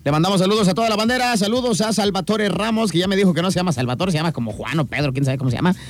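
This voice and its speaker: A man's voice: high-pitched, very fast, no room sound. A man with a Mexican accent co-hosting a casual livestream, reading viewer comments aloud and joking in slang. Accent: Mexican Spanish.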